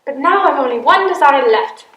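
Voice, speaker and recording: Casting: female actor for older medieval queen, high-pitched, regal, wry manipulator in period drama, roomy sound. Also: animated, moderate pace, a bit bright. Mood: intense, manipulative. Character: proud, cunning older imprisoned queen and mother. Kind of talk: theatrical period drama monologue and dialogue. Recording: echoey room, audible background noise.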